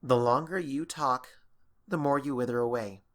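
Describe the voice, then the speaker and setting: A man reading a fan fiction audiobook, voicing a calm, teasing young female princess pony with a casual, slightly ceremonious manner. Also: medium pitch, moderate pace, close to an everyday voice. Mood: smug.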